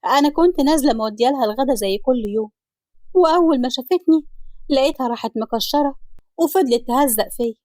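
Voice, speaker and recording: A woman voicing a shrill, complaining Egyptian wife. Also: fast, mellow, no echo, natural voice. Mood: aggrieved. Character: aggrieved young wife, scheming and tearful.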